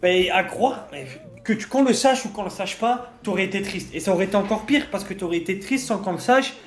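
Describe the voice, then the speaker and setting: A man's voice: high-pitched, fairly quick. A man in casual, argumentative chat, reasoning insistently in slang with an exasperated, teasing edge.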